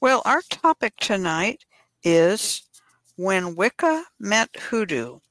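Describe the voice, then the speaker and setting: A woman hosting a talk show, laying out history in a relaxed, explanatory way. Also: medium pitch, slow pace, no echo. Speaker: podcast host.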